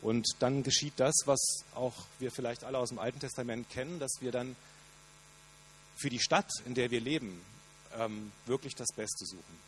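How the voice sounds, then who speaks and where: A man's voice: medium pitch, normal speed, fairly bright tone, poor audio. A man speaks earnestly as a guest speaker addressing an audience in a prepared talk. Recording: faint electrical hum behind voice.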